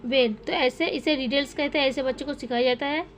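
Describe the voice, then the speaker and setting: High-voiced Indian woman explaining a lesson. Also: fairly quick, a little hiss or hum. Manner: patient, asks questions then answers them. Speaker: teacher presenting a syllabus. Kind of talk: explanatory lesson in Hindi with English examples.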